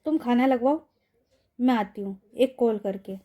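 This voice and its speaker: A woman's voice: fairly high pitch, measured pace, narrow, tinny audio, close to an everyday voice. A woman voicing a young woman office boss who mutters anxious questions to herself. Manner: muttering to herself in inner monologue.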